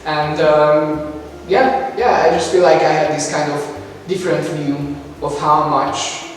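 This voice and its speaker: A man's voice: a little high, flat delivery, unhurried, a little hiss or hum. A young man in his late teens from Hungary, chatting casually and laughing often as a student. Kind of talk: casual Q&A chat. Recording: echoey hall from far off.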